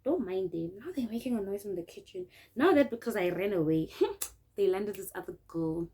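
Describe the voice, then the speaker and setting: A woman's voice: mid-range voice, brisk, husky, low-quality recording. A young South African woman with a South African accent, telling a casual story in a vlog and acting out what people said. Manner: animated, acts out quotes, mixes in local words. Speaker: vlogger. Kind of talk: casual storytime while doing makeup.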